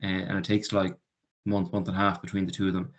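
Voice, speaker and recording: A man's voice: sits low, completely flat delivery, fast, lo-fi sound. A man in his twenties from Galway with a west of Ireland accent, giving an informal account as an alumnus, often saying "like" and "kind of". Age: 20s. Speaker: alumnus speaker. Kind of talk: informal personal account to prospective students.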